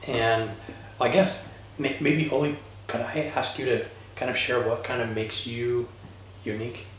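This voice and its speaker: A man from Colorado, a lawyer, hosting a relaxed panel chat, talking with many fillers and pauses. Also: medium pitch, slight background noise. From Colorado, USA. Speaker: host, lawyer. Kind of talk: casual panel conversation. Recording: roomy echo, distant mic.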